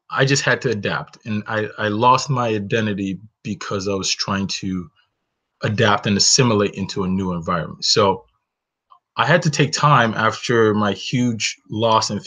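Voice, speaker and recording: His voice is fairly low, unhurried, pushed, and bright: a man in his thirties, raised in Northern Nigeria and a first-language Hausa speaker. He hosts a reflective solo webinar from a small bedroom, sharing his own story earnestly and saying "you know" often, recorded on a close webcam with dull lo-fi sound.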